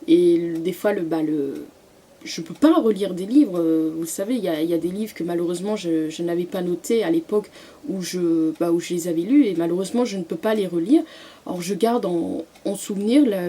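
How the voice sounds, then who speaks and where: A young woman chatting casually about books she loves, often pausing, restarting and filling gaps with "euh" and "voilà". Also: on the low side, dark tone, husky. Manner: hesitant, many fillers and restarts. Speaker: book vlogger. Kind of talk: casual book review vlog.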